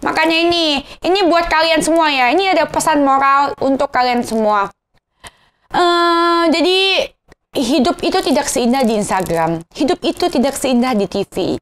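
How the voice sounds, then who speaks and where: A woman with a Jakarta Indonesian accent and a lisp on her r's, rambling and tripping over words in a casual gossip rant to viewers. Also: mid-range voice. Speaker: vlogger.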